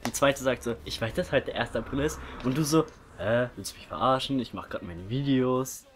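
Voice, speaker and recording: A man's voice: mid-range voice, fairly quick. A young man chatting casually as the host of a prank-call video, recorded indoors. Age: young adult. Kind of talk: casual chat. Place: small indoor room with curtain behind. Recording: music faintly behind.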